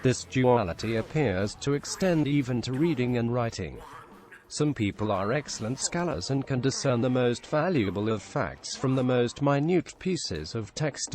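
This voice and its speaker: A man's voice: medium pitch, darkish tone. Male text-to-speech storyteller, mid-range synthetic voice, scripted read, light background noise. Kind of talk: scripted narration. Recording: clear background ambient noise.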